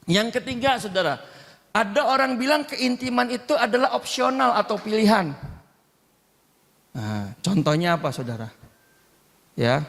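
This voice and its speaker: A middle-aged man delivers a sermon in an animated, chatty way and keeps addressing the congregation directly. His voice sits fairly high. It rings with the long reverb of a big hall. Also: normal speed, pauses often. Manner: lively, chatty preaching with frequent asides to the congregation. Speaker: pastor. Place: church hall.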